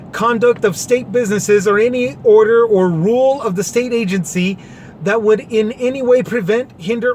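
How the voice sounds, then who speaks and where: A commentary vlogger with a high, darkish-toned voice reads out a government order. With sarcasm, he breaks it down in plain language, and slight background noise can be heard.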